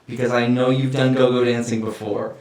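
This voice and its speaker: A man co-hosting a casual live-stream chat, thinking out loud with hesitant restarts and casual swearing. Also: medium pitch, flat delivery, brisk. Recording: echoey room, far from the mic.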